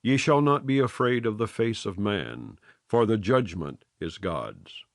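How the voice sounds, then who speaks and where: A man reads the Bible in slow, solemn phrases, setting each line apart, his gravelly, fairly low voice moving widely in pitch with lively intonation. The recording is close and dry, with no room sound around it.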